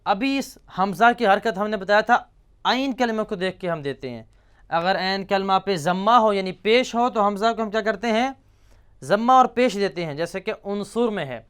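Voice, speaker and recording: A man teaching a grammar lesson, slowly reciting verb forms and asking and answering his own questions. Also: sits high, expressive, fairly bright tone, smooth. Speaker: teacher of Arabic morphology.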